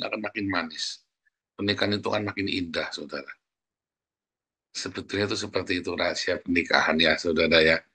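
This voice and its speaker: Bright-voiced male pastor preaching. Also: lowish voice. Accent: Indonesian. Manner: conversational and humorous, often adds "saudara ya" and laughs while telling a story. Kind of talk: sermon.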